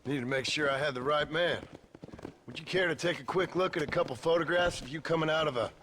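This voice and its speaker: An actor playing a terse, wry, world-weary western gunslinger in a video game, dry and laconic. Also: male voice, fairly high pitch, fast talker, fairly bright tone, a little hiss or hum, lightly acted. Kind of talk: video game cutscene acting.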